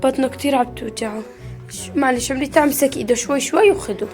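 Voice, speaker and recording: Young woman hosting a family vlog, rapid-fire and doting, over background music. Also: high-pitched, darkish tone.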